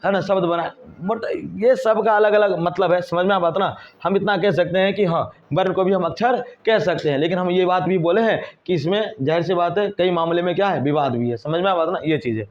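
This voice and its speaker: High-voiced man teaching grammar, lo-fi. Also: fairly quick, hardly any pauses. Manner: repeats questions to the class and answers them himself. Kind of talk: whiteboard grammar lesson. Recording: dull lo-fi recording.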